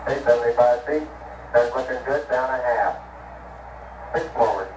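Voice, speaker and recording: A man giving terse, calm technical callouts over a crackly space-to-ground radio link, replayed from archive audio. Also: medium pitch, moderate pace. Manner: clipped, calm, numeric reports. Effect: crackly space-to-ground radio transmission. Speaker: astronaut and mission control callouts. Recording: distant noisy radio audio replayed in a hall.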